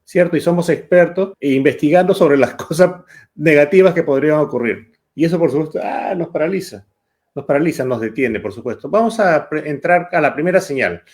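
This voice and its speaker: A man's voice: a little high, expressive, fairly quick, a little mellow. A man co-hosting a live coaching talk, speaking emphatically and repeating key words for effect. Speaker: neuro-coach co-host. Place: live online session.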